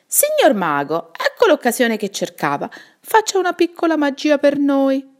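A woman's voice: medium pitch, unhurried. A woman voicing an eager, kind little girl in a bedtime story. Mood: excited. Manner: excited, pleading.

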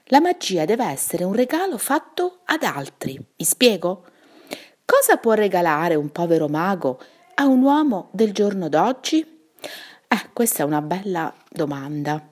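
A woman's voice: mid-range voice, sing-song, unhurried. A woman voicing a sad, talkative old male wizard in a bedtime story, wistful and self-pitying.

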